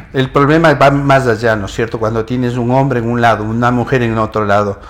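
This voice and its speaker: A man's voice: medium pitch, moderate pace. Earnest man explaining step by step. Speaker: geneticist guest. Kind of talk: explanatory interview answers.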